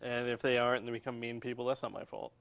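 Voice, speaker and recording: A young man co-hosting a casual chat, giving blunt, curt, deadpan answers. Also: mid-range voice, racing, vocal fry. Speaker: co-host.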